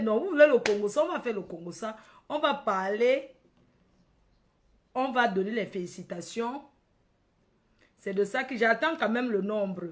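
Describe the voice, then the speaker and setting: Speaking with a Cameroonian accent, this woman from Cameroon runs a relaxed livestream where she calls out followers by name, repeats herself and adds tag questions. Her voice runs on the high side with a slightly bright quality.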